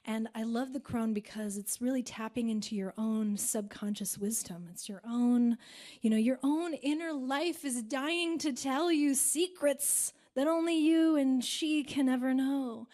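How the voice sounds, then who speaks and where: Woman leading a spiritual concert gathering; gentle, unhurried, high-pitched. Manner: soft, slow, meditative. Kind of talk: spiritual talk between songs at a live concert.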